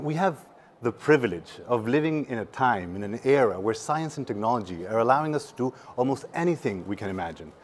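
A Chilean man of about forty from Patagonia, a startup representative on a conference panel, talks from his seat on an indoor stage. His mid-range voice comes through slight background noise, earnest, emphatic, and conversational.

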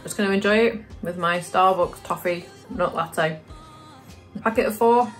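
A woman's voice: fairly low pitch, moderate pace, faint music behind. A British woman from the UK chatting casually to camera for her vlog, talking through her day as she goes. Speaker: vlogger.

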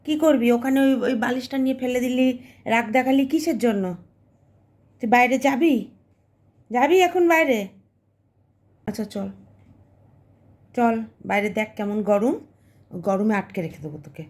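A woman's voice: fairly high pitch, moderate pace, pauses often, a little mellow. A woman at home talking to her pet dog, coaxing and scolding it in a sing-song way, recorded on a phone. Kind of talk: casual talk to a pet dog. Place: home indoors.

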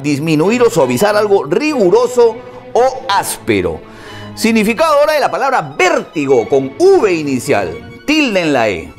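Hombre peruano de entonación muy viva. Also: male voice, fairly high pitch. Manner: asks himself questions, then answers them; spells words out and notes their accent marks. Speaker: radio and TV host explaining word meanings. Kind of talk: reading dictionary definitions on air.

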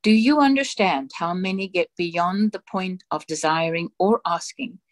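A woman minister reads a sermon aloud in a slow, solemn, measured voice. Her pitch sits somewhat low, and the recording is dry and close with no room sound. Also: no room sound. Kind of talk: sermon reading of spiritual dictations.

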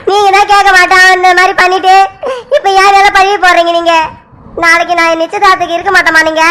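A woman's voice: extremely high pitch, level tone, fast, sharp tone, slight background noise. A woman voicing a young adult daughter in a cartoon family serial, pleading and stubborn against her family. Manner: pleading, tearful. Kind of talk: animated family serial voice acting.

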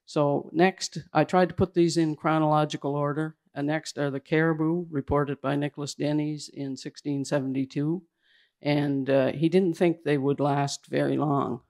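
Gravelly, flat-voiced man presenting slides. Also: fairly high pitch. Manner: halting, hurried delivery that keeps restarting its phrases. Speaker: presenter at a public talk. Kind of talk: slide presentation to a live audience. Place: indoor event venue.

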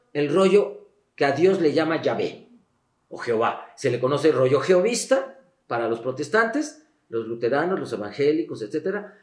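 A man, explaining things as a guest expert in an interview, emphatic and blunt, like a teacher. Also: a little high. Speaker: guest expert on the Bible and sexuality. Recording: echoey room.

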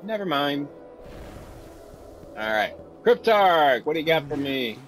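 Goofy, animated man commenting on gameplay. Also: fairly high pitch, takes it slowly, soft background music, poor audio. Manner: goofy, easily distracted, laughs often. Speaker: gameplay video host.

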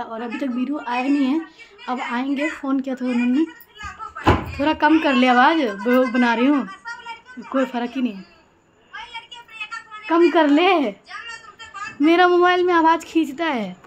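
A high-pitched young woman, a housewife vlogger, chats and rambles to her camera at home, speaking at a normal speed with fairly even intonation and frequent pauses. She's filming with a phone at arm's length across small rooms, the kitchen and the balcony, and the household ambience is clear.

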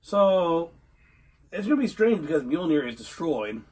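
A man co-hosting a casual podcast chat, his voice hoarse and husky after weeks of illness, talking in a laid-back, joking way. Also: a little high, very animated, measured pace, a little mellow, distant mic. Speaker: co-host.

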